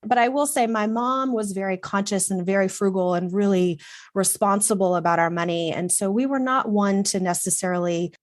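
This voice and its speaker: A middle-aged woman from Texas, USA, a wardrobe consultant appearing as a guest, tells personal stories in casual conversation, earnest and reflective with some fillers. Her medium-pitched voice moves at a normal speed, recorded dry and clean in studio.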